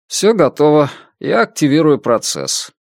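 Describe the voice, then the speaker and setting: An unflappable male tech expert, as a reader plays him, reporting in a calm, matter-of-fact way with lively inflection. The voice is close and dry. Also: on the high side, measured pace, vocal fry, no room sound, voice pushed up, heavily acted.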